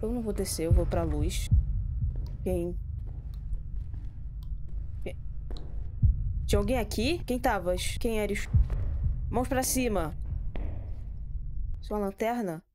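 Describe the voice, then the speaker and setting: A woman's voice: medium pitch, slow pace, long pauses, noisy background. A young woman with a Brazilian accent and a stuffy nose from a cold, casually commenting on a horror game she is playing live, jumpy, swearing a lot and talking to her chat. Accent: Brazilian Portuguese.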